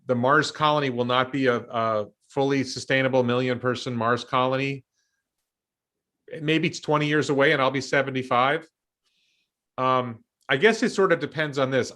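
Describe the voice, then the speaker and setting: An American man in his fifties talks through his ideas in a casual discussion. His voice has a bright, forward ring. He thinks aloud, stopping and restarting his sentences with plenty of ums. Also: medium pitch. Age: 50s. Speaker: show host and investor.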